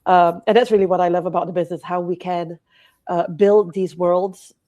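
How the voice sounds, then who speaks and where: Here the same Malaysian hotel CEO, a woman in her forties, talks casually as a podcast guest. Her dark, lowish voice holds a steady tone at normal speed, slightly nasal from hay fever. She laughs a lot and keeps restarting, filling gaps with fillers.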